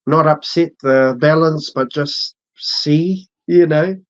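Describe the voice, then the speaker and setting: A man's voice: fairly high pitch, takes it slowly. Laid-back kiwi guy, broad accent, slangy casual chat, kinda dull lo-fi sound. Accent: broad New Zealand. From New Zealand. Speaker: interview guest, social media creator. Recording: dull, muffled lo-fi audio.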